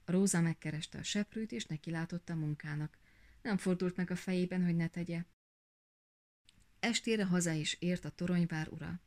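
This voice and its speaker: A woman reading a fairy tale aloud in a gentle, even storytelling manner. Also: on the low side.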